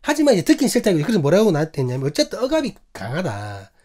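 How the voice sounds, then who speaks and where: A man's voice: high-pitched, very fast. A male pastor with a Gyeongsang accent, telling a personal story in a sermon, acting out quotes and asking the congregation questions. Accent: Gyeongsang Korean. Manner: animated, acts out quotes, asks the congregation questions.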